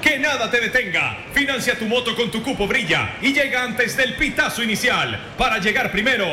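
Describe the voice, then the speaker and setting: A man reading radio commercials in a lively scripted announcer style. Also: very high voice, moderate pace, slight background noise.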